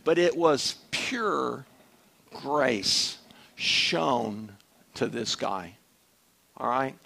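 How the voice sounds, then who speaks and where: A male preacher giving a conversational sermon, often checking in with "right?" and sometimes dropping to a hush. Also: medium pitch, lively intonation, extremely slow, gravelly.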